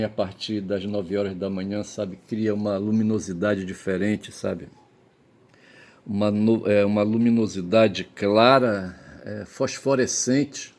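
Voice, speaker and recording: Hungover man for casual rambling commentary; deep, creaky voice, halting delivery. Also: darkish tone. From Brazil. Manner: halting, repeatedly checks with tag questions. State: hungover, tired. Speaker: vlogger giving commentary.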